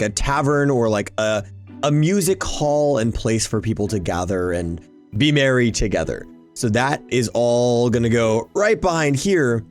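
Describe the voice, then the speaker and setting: A video game YouTuber hosts his gameplay commentary casually and enthusiastically, chatting and rambling as he goes. His voice is medium-pitched and a little mellow, with background music playing.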